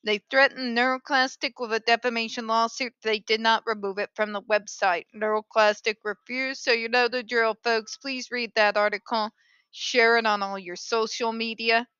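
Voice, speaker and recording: The host of an advocacy commentary show speaks bluntly, sarcastically, and emphatically in a polished call-center phone voice. Her voice is a little high, bright, smooth, and forceful, though the recording is muffled and has no echo.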